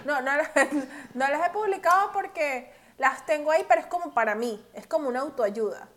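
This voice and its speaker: A woman, co-hosting a casual podcast chat and swinging from soft-spoken to loud and dramatic. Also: high voice, lively intonation, moderate pace. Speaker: podcast co-host.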